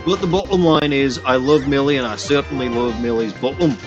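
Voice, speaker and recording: A man streaming through a voice changer that shifts his voice deeper, rambling in a playful mock-pirate way full of "aye" and "lad". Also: brisk, dull audio, faint music behind. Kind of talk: rambling livestream commentary.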